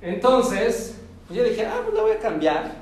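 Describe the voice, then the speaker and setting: A man giving a lively talk to an audience, asking them questions and acting out little scenes. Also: high voice, unhurried. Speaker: speaker giving a talk on forgiveness. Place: large hall before an audience. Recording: echoey hall, voice from far off.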